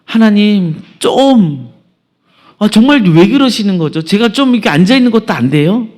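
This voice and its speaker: A man's voice: mid-range voice, expressive, normal speed, a little mellow, natural voice. A man voicing an indignant male prophet who complains with exasperation. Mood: whining.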